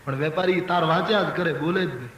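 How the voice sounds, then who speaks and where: Older man telling animated sermon stories. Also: fairly high pitch, fast talker, a little hiss or hum. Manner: animated storytelling, acting out characters with raised voice. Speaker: spiritual storyteller. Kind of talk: Gujarati religious discourse with anecdotes. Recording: echoey hall with faint ambience.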